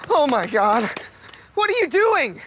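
An uptight adult son in a TV comedy. He sounds indignant and easily embarrassed, with dry sarcasm and a lively pitch range. There is background noise on the track. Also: brisk. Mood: exasperated.

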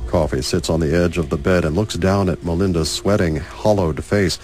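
A man's voice: deep voice, fairly even intonation, moderate pace, a little mellow. A man reading scripted present-tense narration that describes the action of a film scene. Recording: film soundtrack music behind. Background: film score music.

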